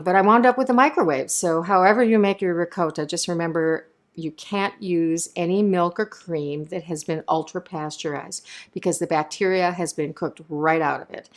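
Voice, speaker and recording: This is a woman chef leading a cooking demonstration, speaking in a notably low register. She talks in a friendly, chatty way, explaining each step and drifting into side remarks. She is recorded in a home kitchen.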